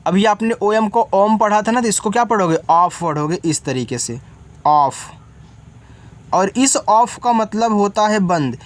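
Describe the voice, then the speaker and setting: A man's voice: sits high, animated, moderate pace, hardly any pauses. A man teaching beginners to read English, spelling each word letter by letter and then explaining it, often checking whether the learner follows.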